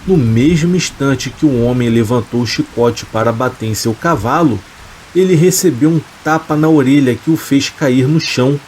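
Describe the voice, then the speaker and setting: A man, calmly reading a scripted horror story in a steady, measured way. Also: medium pitch, slight background noise, low-quality recording. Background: rain.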